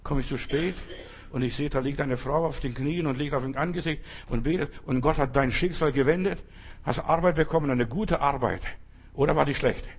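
Husky-voiced man preaching a sermon. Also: on the high side, brisk. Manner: emphatic, addresses listeners directly. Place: church service.

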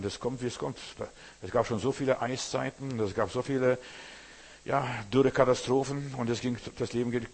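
Husky preacher guy, keeps asking "you get it?", voice ringing with long reverb. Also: medium pitch, a little mellow. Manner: direct, addresses listener as du, repeats "verstehst du?". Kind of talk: sermon announcing the week's topics.

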